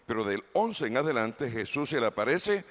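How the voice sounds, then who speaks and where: A man's voice: mid-range voice, very animated, normal speed. A man preaching a sermon as pastor, reading scripture aloud and putting questions to the congregation. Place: church hall. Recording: long hall reverb.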